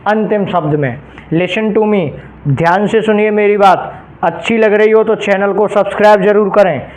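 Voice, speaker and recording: A male English grammar teacher giving an exam-prep lesson. He explains each rule patiently and reads out example phrases slowly, stopping to ask his students rhetorical questions. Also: sits high, a little mellow, rough recording. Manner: addresses students directly and checks understanding with rhetorical questions.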